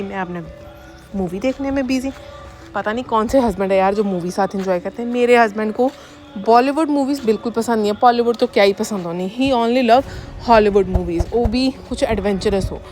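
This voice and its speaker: A young woman narrates her family's day in a rapid, chatty voice-over, talking straight to her viewers. Her voice sits a little high. Soft music plays quietly under her words. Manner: fast, chatty, addresses viewers directly. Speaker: family vlogger. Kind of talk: casual voice-over narration of daily life. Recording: voice-over with faint background music.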